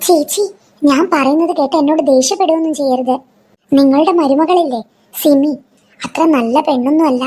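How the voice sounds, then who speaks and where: A woman's voice: high voice, brisk, mellow, close to an everyday voice. A woman doing a sly gossiping neighbor. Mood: confiding.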